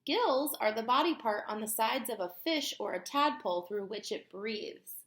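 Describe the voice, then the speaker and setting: A woman with a slightly high voice reads a children's book aloud in a teacherly way, expressive and emphatic. She stops now and then to explain things and ask her young listeners questions. The room sounds spacious and echoey.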